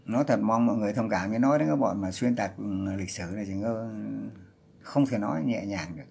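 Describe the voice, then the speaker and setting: A man's voice: on the low side, fast talker, vocal fry, darkish tone. A man ranting on a livestream, scolding and cursing in a heated voice. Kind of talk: angry livestream rant.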